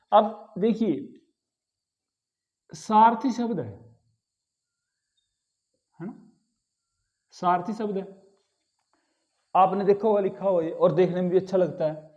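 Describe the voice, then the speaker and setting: A man with a fairly high but dark, mellow voice gives a grammar lesson. He explains patiently, repeats key words and asks rhetorical questions. The recording is dull and lo-fi. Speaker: Hindi grammar teacher.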